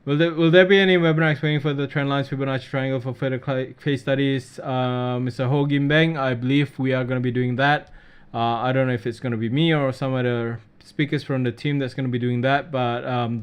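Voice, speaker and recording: A man runs a live online trading class and works through the audience's questions. His voice is smooth and clear, sitting at an ordinary middle pitch, and his delivery is relaxed and conversational, with easy fillers between points. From Australia. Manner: casual, reads out viewer questions and answers them. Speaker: trading webinar presenter. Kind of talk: live webinar Q&A.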